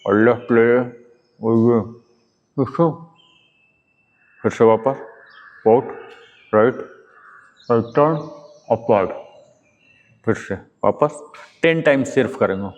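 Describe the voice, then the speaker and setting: A man's voice: medium pitch, takes it slowly, pauses often. A man leading a yoga class, giving patient step-by-step instructions and quizzing his students. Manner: patient, repeats key words and quizzes students. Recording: long hall reverb.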